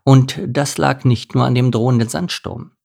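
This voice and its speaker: A man reading a children's storybook aloud with a lively, expressive delivery. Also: medium pitch, moderate pace, creaky. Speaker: narrator.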